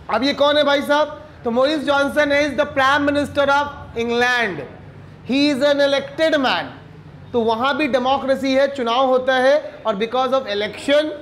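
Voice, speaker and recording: A man's voice: extremely high pitch, a bit bright, a little hiss or hum. A man with an Indian accent giving a classroom civics lecture. He mixes Hindi and English, asks himself rhetorical questions and checks in with the class. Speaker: civics teacher.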